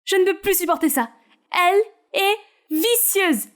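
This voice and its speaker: Woman narrator doing a fed-up storybook teen girl: exasperated, pitched high. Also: measured pace. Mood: weary. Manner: complaining, exasperated. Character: weary teenage girl, worn out and fed up.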